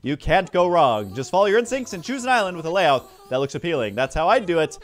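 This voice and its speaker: A man's voice: a little high, very animated, quick pace. A man voicing a cheerful male travel clerk, reading the game's dialogue aloud.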